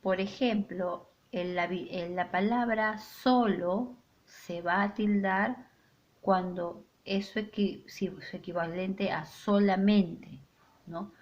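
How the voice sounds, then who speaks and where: A woman teacher explains a grammar lesson at an unhurried pace. She sets out each rule clearly and gives weight to her example sentences. The sound is a little dull and lo-fi. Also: mid-range voice, fairly even intonation. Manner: slow, clear, deliberate delivery with stressed example sentences.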